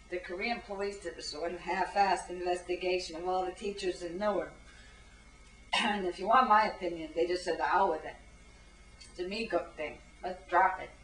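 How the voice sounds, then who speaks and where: A man's voice: sits high, a bit bright, voice pushed up. A man voicing a friendly, blunt female teacher who talks breezily and swears casually. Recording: roomy and distant.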